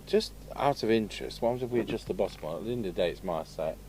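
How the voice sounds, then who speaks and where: A radio repair vlogger works at an electronics workbench indoors, muttering short, casual remarks to himself as he goes. His lowish, slightly mellow voice is animated and very fast. Workshop background noise is clearly audible.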